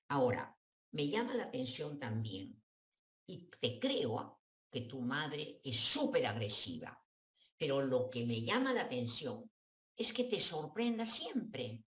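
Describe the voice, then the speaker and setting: A woman's voice: very deep voice, fairly bright tone, echoey room. A woman psychoanalyst, giving direct, frank advice to a listener on a talk show.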